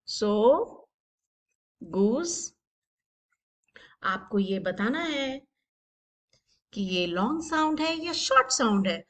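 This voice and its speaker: Animated woman teaching kids phonics. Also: a little high, extremely slow, long pauses. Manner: mixes Hindi and English, urges kids on. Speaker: kids' teacher. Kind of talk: phonics quiz lesson.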